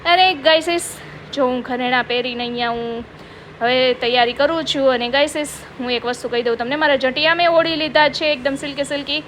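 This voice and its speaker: This is a high-pitched woman, joking her way through a makeup vlog. She mocks herself playfully and keeps calling out to her viewers, and a faint room ambience sits underneath her voice. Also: steady tone, brisk, a bit bright, slight background noise. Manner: playful self-mocking, addresses viewers as guys. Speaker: comedy vlogger. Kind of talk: comic makeup vlog, chatty. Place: office.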